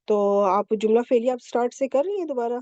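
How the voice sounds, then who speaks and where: A woman teaching Arabic grammar in an online class, her voice a bit high and mellow. She explains patiently step by step and keeps checking that her students follow. The sound is dry and a little dull, like a computer mic on a call. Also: expressive, no room sound. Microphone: computer mic on a video call.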